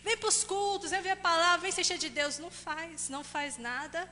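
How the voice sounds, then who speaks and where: A woman pastor with a Brazilian Portuguese accent, preaching a lively, conversational sermon in a church. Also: extremely high pitch, a little hiss or hum. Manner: lively, conversational preaching with quick acted asides. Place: church hall. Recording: church hall with long reverb.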